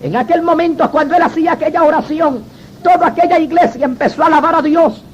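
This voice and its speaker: A man with a strikingly high voice recounts his conversion as a former gang member, telling it with dramatic storytelling and speaking to the listener as a brother. The audio is dull and lo-fi, with a faint hiss underneath. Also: fast talker. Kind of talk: religious conversion testimony.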